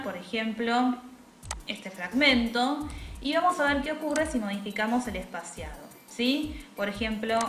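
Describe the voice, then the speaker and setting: A woman teacher, patiently explaining a software tutorial step by step and checking in with tag questions. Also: on the high side. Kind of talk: screen-recorded software tutorial. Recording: echoey room with faint music.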